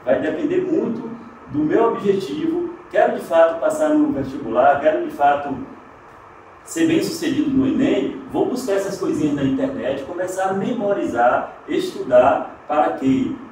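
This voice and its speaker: A Brazilian man teaching a televised Spanish lesson, slow and emphatic on example words. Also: a little high, lively intonation, dark tone. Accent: Brazilian Portuguese. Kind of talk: televised exam-prep lesson. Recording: very echoey, distant mic, faint noise.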